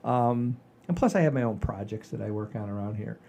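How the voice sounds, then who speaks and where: A man in his sixties hosts a casual comedy chat podcast in a folksy, rambling, enthusiastic way. His voice is lowish, creaky and warm, and he talks fairly quickly.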